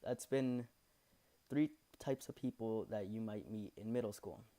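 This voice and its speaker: Rambling young guy with a mellow voice. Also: fairly low pitch, unhurried. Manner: rambling, many fillers and self-corrections. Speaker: channel host. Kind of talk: casual storytelling over gameplay.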